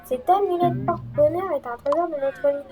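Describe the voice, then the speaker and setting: A woman's voice: extremely high pitch, fast, dark tone, faint music behind, voice pushed up. Woman doing a fretful pleading village mother.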